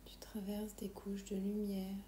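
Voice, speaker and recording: Slow, whispering woman guiding a meditation, intimately close. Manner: slow, calming, soothing instructions. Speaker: guided meditation narrator. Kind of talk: guided meditation, soft whispered ASMR-like delivery. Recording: roomy echo, low background rumble noise.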